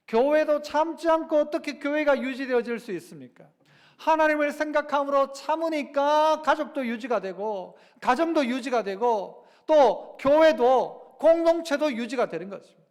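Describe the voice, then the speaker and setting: A man preaching a sermon as pastor, his voice sitting very high for a man. He keeps turning to the congregation with rhetorical questions and acts out quoted lines. The sound carries the long reverb of a church sanctuary.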